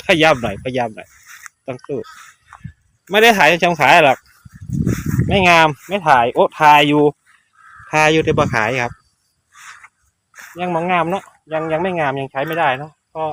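A man's voice: a little high, animated, a little fast, pauses often, a bit bright, dry recording. A man with an Isan accent, chatting to viewers as he walks through rice fields, recorded on a phone. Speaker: vlogger. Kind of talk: casual walking vlog. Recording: faint outdoor noise, insects.

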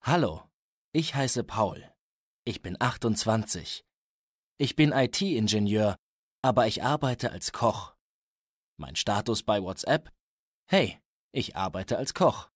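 A man in his twenties acting a young cook introducing himself in a scripted language lesson, speaking slowly and plainly. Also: fairly low pitch, animated, no echo, studio quality. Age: 20s. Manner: slow, plain self-introduction.

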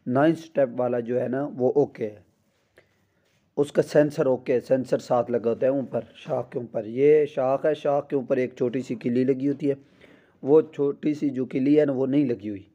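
A man with a very dark, deep-toned voice explains a car repair in a flat, even delivery, taking it one step at a time. He sounds like a mechanic talking beside the car in a garage, recorded close on a phone. The audio is dull and lo-fi. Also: measured pace. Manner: plain step-by-step explaining, with small restarts. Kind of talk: hands-on repair tutorial.

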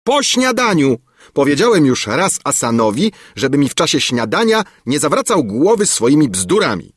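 A man's voice: mid-range voice, huge pitch swings, unhurried, fairly bright tone, breathy edge, no echo, studio quality, voice pushed up, exaggerated voice. A man voicing an impatient, greedy old king in a storybook reading, fussy and bossy. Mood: angry.

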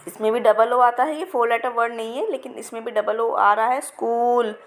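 A woman's voice: a little high, brisk, slight background noise. A woman teacher explaining a phonics lesson to other teachers, stretching words out to demonstrate long and short vowel sounds in a patient, explanatory way.

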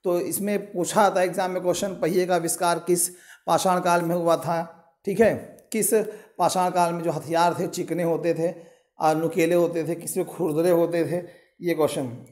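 A man's voice: on the high side, level tone, moderate pace, a little mellow. A male teacher walking students through an exam syllabus, answering his own questions and telling them what to underline. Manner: explains with rhetorical questions and repeated reminders to underline. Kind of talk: syllabus walkthrough lecture.

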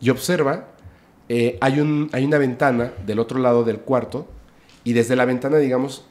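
A man, a podcast guest, telling a story in casual chat, lively, often adding "o sea" and "¿no?". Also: medium pitch, moderate pace. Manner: lively retelling, with "o sea" and "¿no?" tags.

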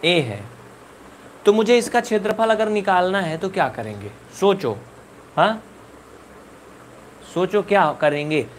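A man's voice: high-pitched, expressive, unhurried, long pauses, a little hiss or hum. A man teaching a live online maths class, repeating questions and scolding his students. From India.

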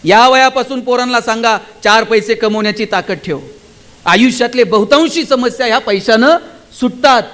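A man's voice: extremely high pitch, normal speed, fairly bright tone. A man giving a motivational speech to students and teachers, addressing the audience directly with rhetorical questions. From Maharashtra, India. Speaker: motivational speaker.

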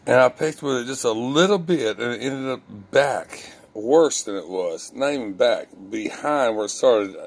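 A man's voice: mid-range voice, expressive, moderate pace, hardly any pauses. A man talking casually to the camera about his hobby, rambling with lots of ums and restarts and poking fun at his own mistakes. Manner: self-deprecating and candid. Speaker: lock-picking hobbyist vlogger.

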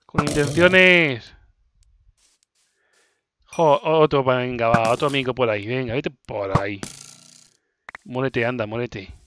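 A man's voice: medium pitch, noisy background. A man with an accent from Spain doing casual let's play commentary, playfully talking to game creatures and repeating his words. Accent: Spanish (Spain). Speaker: gaming video host.

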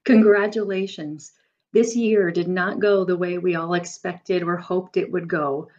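A woman's voice: on the low side, steady tone, unhurried, a little mellow, lo-fi sound. A woman in her thirties, an adjunct teacher, giving an upbeat, earnest recorded congratulatory message to graduates over a webcam. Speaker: adjunct faculty member.

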